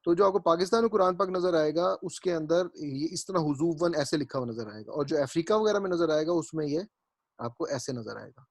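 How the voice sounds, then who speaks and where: A man's voice: on the high side, no echo. A man teaching Arabic grammar in a classroom lecture. He explains step by step, repeats his points and keeps checking that his students understand.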